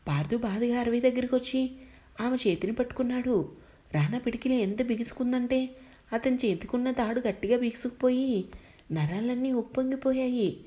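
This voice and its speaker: Brief: female storyteller with a slightly high voice, steady and expressive delivery. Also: moderate pace. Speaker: audio story narrator. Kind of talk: storytelling narration.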